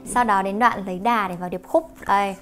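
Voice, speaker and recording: A woman with a Vietnamese accent teaching English through a song, explaining slowly, repeating words and singing lines. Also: medium pitch, over music. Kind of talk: song-based English pronunciation lesson.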